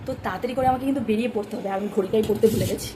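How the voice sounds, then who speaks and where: A woman's voice: a little high, very fast. A woman, vlogging casually and chatting straight to her viewers. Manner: chatty, addresses viewers directly as guys. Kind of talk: casual vlog talk to viewers. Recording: noisy background ambience.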